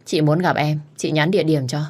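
A woman voicing a calm, calculating female rival who speaks in a confiding tone in a storybook. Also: deep voice, a little fast.

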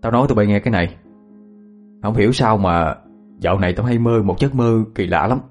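A man's voice: fairly low pitch, a little fast, a little mellow, soft background music, close to an everyday voice. A man voicing a shy, hot-tempered young village man. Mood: irritated.

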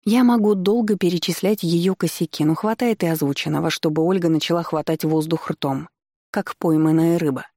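A woman's voice: fairly low pitch, a little fast, dark tone, dry recording. A young woman narrating a first-person audiobook in a wry, mocking tone, recorded on a close studio mic.

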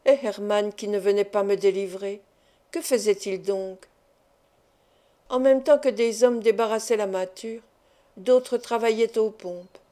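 A woman reading a classic novel aloud as first-person narration, in a steady storytelling manner. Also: medium pitch, unhurried. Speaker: audiobook reader.

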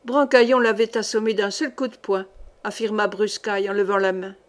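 A woman narrating an audiobook of a historical novel in a measured, expressive reading. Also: medium pitch. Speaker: audiobook reader.

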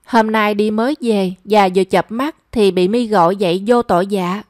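A woman voicing a brisk, matter-of-fact young female friend. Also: mid-range voice, darkish tone, dry recording, clean studio sound, natural voice.

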